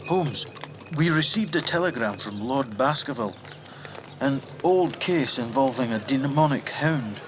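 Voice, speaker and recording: A man acting a fussy, hesitant Victorian gentleman doctor with a halting, genteel, stuffy manner in a radio drama. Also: medium pitch, animated, highs cut off, noisy background, close to an everyday voice. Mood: hesitant, sceptical.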